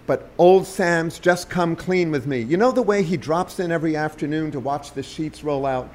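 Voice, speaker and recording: A man's voice: a little high, normal speed, a little mellow, lightly acted. A man reading the lines of an anxious, urgent young American man in an audiobook.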